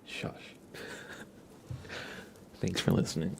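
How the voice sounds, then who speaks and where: Speaking extremely slowly, with slight background noise, a man hosts an ASMR livestream. His whispery voice sounds a little stuffed up as he leans close to the mic and jokes around playfully with viewers in teasing banter.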